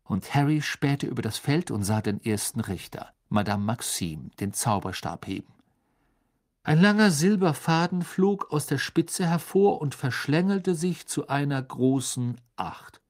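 A man narrating an audiobook in an expressive storytelling voice, recorded close in a studio. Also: medium pitch, measured pace, no room sound. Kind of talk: scripted narration.

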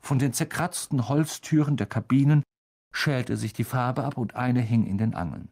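A reader narrating a children's fantasy novel, telling it expressively and voicing every character. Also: normal speed. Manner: expressive storytelling with wide pitch swings. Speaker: audiobook narrator. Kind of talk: scripted narration.

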